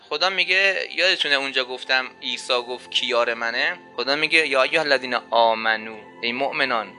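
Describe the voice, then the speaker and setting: Bright-voiced male preacher, emphatic sermon. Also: mid-range voice. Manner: emphatic, repeats key phrases, rhetorical questions.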